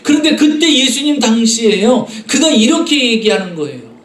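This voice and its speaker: A man's voice: very high voice, very animated, moderate pace, reverberant, distant mic. A man preaching a Sunday sermon as pastor, earnestly addressing the congregation and acting out voices in his stories. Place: church sanctuary.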